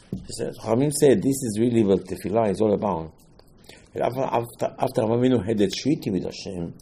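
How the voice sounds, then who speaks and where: A man teaches a Torah lesson through storytelling, acting out the dialogues and rising into emphatic bursts. His voice is medium in pitch, warm, with a breathy edge.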